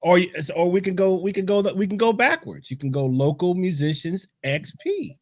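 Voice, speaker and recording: A man's voice: sits high, expressive, brisk, a little mellow, no room sound, clean studio sound. A man co-hosting a casual video call, joking and laughing as he fumbles his lines. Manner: laughing, self-correcting, joking banter. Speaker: co-host.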